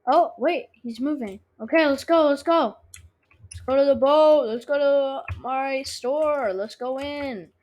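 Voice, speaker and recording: Slow-talking woman in chatty game commentary. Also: sits high, darkish tone. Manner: chatty, talks straight to viewers, asks them to subscribe. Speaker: gaming channel host. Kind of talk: casual let's-play commentary. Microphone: own microphone.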